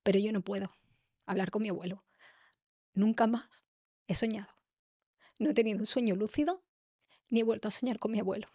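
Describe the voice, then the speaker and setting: A middle-aged woman, a podcast host telling a personal story in a heartfelt, halting way. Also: medium pitch, a little mellow, no room sound, studio quality.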